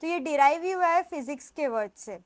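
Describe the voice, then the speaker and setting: A woman's voice: high voice, lively intonation, brisk, no room sound. A young woman teaching an exam revision lecture, chatty and playful, mixing into her talk and drilling students in call-and-response.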